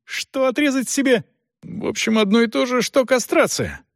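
A man reading an audiobook, voicing an excitable young man who protests hotly and is proud of his mustache. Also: medium pitch, normal speed, no room sound, studio quality, natural voice. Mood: indignant.

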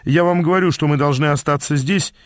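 A man's voice: fairly high pitch, a little fast, no echo, clean studio sound, lightly acted. A man voicing a bold, stubborn young woman fighter who talks bluntly and teases. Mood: defiant. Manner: blunt and teasing.

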